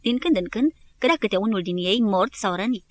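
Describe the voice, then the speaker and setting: Woman narrating an audiobook. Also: mid-range voice. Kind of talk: scripted narration.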